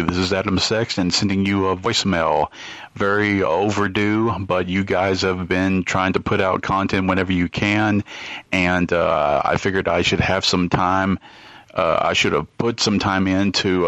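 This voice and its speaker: Deep-voiced man in a played voicemail. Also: fairly bright tone, dry recording, dull audio. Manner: hesitant, with frequent uh fillers. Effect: played-back voicemail recording. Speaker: listener sending a voicemail. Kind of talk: rambling voicemail to a podcast.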